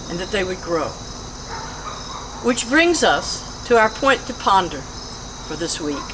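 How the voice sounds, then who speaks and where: A woman hosting a church reflection, retelling a Bible story with expressive storytelling. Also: mid-range voice, background noise. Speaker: church host.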